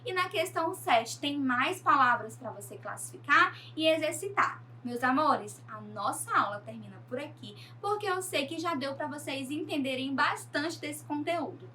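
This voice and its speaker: A woman teacher from Brazil giving a recorded online lesson, speaking slowly and with emphasis, addressing her pupils directly. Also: sits high, animated, sharp tone, far from the mic, slight background noise.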